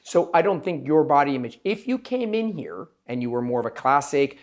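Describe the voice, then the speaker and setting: A man hosting an interview as a plastic surgeon, talking directly and lively, acting out quotes of others in his speech. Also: a little high, a little fast. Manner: direct, animated, acts out quotes in his talk. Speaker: plastic surgeon, podcast host. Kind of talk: conversational interview.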